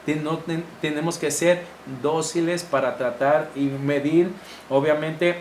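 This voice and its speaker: A man with a Mexican Spanish accent teaching a Bible lesson to men, animated and acting out the voices of wives and husbands. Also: a little high, a little slow. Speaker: church teacher. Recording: echoey room with faint noise.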